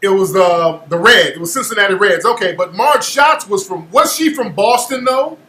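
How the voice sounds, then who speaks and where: A male host with a high, bright voice fires back at a clip he is playing, incredulous and challenging. He is recorded in an echoey room. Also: lively intonation, moderate pace, slight background noise. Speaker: show host. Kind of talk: commentary reacting to a played clip.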